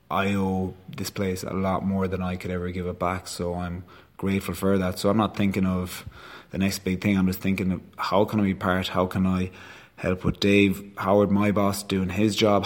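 Male, thirties, west of Ireland accent, deep and even-toned, colloquial and rambling interviewee. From Galway, west of Ireland. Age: 30s. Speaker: rugby sports staff member, coach. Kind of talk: conversational interview answers.

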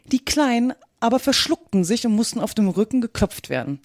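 A woman narrating a children's storybook in a measured, expressive reading. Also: fairly high pitch, no echo, clean studio sound. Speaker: audiobook narrator.

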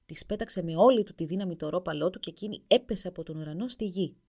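A woman narrating a folk tale in an expressive storybook reading. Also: fairly low pitch.

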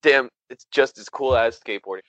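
A man's voice: medium pitch, fairly quick, fairly bright tone, no room sound, muffled recording. Profane laughing man telling a story. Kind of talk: casual storytelling chat.

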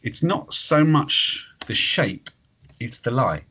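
A man's voice: medium pitch, sing-song, slow pace, pushed and bright, husky. A man in his late thirties explaining his views in a casual, matey, rambling conversational way. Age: late 30s. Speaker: interview guest, flat earth believer.

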